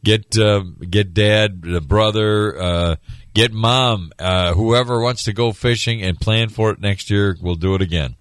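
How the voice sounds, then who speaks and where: A man's voice: fairly low pitch, measured pace, clear, resonant tone, no room sound, clean studio sound. A male radio sports host bantering casually and cheerfully with a colleague.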